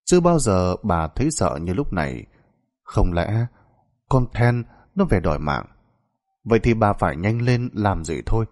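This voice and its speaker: A man narrating a dark folk tale in a dramatic, expressive storytelling style. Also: on the low side, measured pace.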